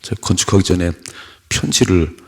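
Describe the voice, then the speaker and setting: Deep, gravelly-voiced male pastor preaching. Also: expressive, moderate pace. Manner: conversational preaching with rhetorical questions and personal stories. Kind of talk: early-morning sermon. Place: church.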